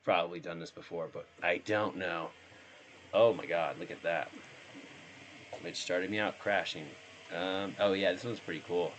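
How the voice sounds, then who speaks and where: A man with a hoarse voice from being sick, chatting casually and thinking aloud while setting up a live stream and playing a game. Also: sits low, moderate pace, fairly bright tone, slight background noise.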